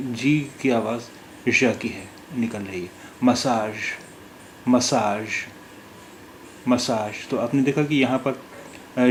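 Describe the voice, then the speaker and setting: A man teaching a recorded language lesson, pronouncing words slowly and carefully, repeating each one with many hesitant pauses. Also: medium pitch, a little hiss or hum. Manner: slow, careful pronunciation drills with many hesitations.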